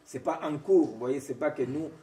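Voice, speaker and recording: A man's voice: fairly high pitch, normal speed, dark tone. A man giving an informal academic seminar lecture. He wanders between points, stops often with hesitations and restarts, and keeps checking in with his listeners. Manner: digressive, keeps checking in with "vous voyez", "non?", "hein". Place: seminar room. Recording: echoey room, mic far from speaker.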